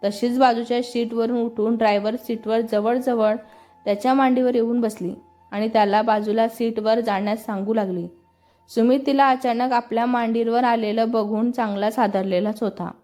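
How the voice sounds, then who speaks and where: A woman's voice: a little high, fairly even intonation, normal speed, dark tone, faint music behind. A woman reading a story aloud as scripted narration, speaking all the characters' lines in her own voice.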